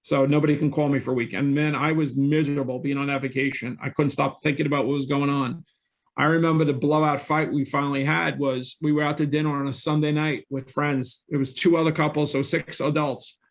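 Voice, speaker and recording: A man's voice: on the high side, level tone, brisk. A middle-aged man, a guest on an interview show, telling his own story in an earnest, candid way, often restarting his sentences. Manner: earnest, frequent restarts and self-corrections. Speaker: guest, real estate investor.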